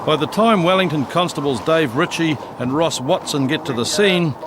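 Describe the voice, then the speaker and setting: A man giving measured, scripted narration for a police documentary. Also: fairly high pitch, noisy background.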